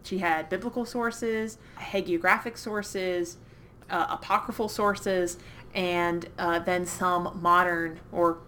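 A woman co-hosting a podcast, chatting enthusiastically with quick asides. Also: on the low side, fairly even intonation, sharp tone, slight background noise. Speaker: podcast co-host. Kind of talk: casual chat.

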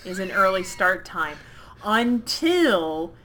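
A woman co-hosting a podcast, chatting enthusiastically with quick asides. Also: mid-range voice, very animated, fairly bright tone, slight background noise. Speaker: podcast co-host. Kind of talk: casual chat.

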